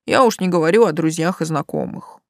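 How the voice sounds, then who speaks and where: A man's voice: fairly high pitch, expressive, a little fast, creaky, no echo, studio quality. A woman reading a solid, guarded stonemason. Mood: measured. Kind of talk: audiobook character reading.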